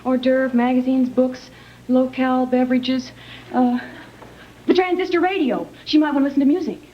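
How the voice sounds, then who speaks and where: A woman's voice: high voice, normal speed, lightly acted. An actress playing a fussy, well-organized young wife in a 1960s sitcom, fond but firm with her husband. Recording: dull old TV audio with hiss.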